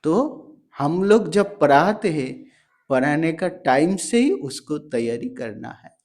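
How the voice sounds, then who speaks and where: A man's voice: high-pitched, darkish tone. A man teaching parents in a motivational talk, explaining patiently and sounding words out syllable by syllable.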